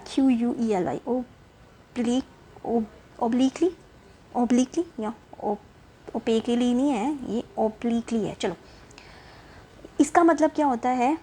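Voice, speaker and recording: Woman teacher, fairly high and mellow, reads text slowly, then explains casually and checks in often, faint hiss. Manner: mixes English textbook reading with chatty explanation, often asking "ठीक है?"; reads English passages slowly. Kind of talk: casual lesson.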